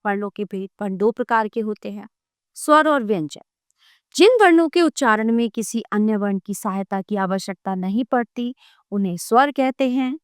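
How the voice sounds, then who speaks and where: Smooth-voiced woman teaching children. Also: mid-range voice, no echo, studio quality. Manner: spells out sounds slowly one by one; addresses children warmly and directly. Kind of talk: classroom grammar lesson.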